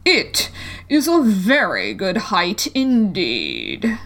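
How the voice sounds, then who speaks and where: A woman doing a slow, curt storybook caterpillar. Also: on the high side, sing-song, a bit bright, full character voice. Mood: disapproving. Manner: drawling, curt and contradictory. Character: stern, slow-speaking male caterpillar smoking a hookah.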